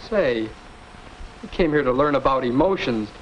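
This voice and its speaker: A man's voice: medium pitch, lively intonation, normal speed, close to an everyday voice. An actor playing a blunt young male student in a 1950s educational film, talking matter-of-factly. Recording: muffled old film soundtrack with hiss.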